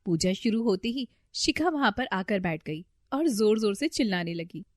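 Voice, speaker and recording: A woman narrating a moral story for a storybook cartoon in an even, plain way. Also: medium pitch, moderate pace, no room sound, studio quality.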